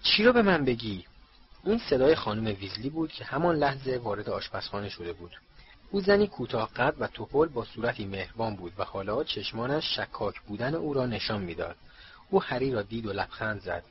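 A man narrating a novel as an audiobook, in measured storytelling that voices each character. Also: fairly low pitch, big pitch swings. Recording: slightly dull recording, faint hiss.

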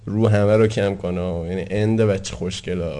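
A man's voice: low voice, fairly even intonation, dark tone. A young man co-hosting a casual comic chat, teasing and joking playfully. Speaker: co-host.

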